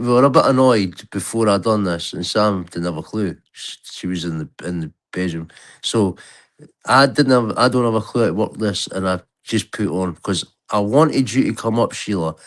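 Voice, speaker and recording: A man's voice: on the low side, moderate pace. A Scottish man with a Glasgow street accent, arguing bluntly and swearing freely on a live stream. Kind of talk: heated argument on a live stream.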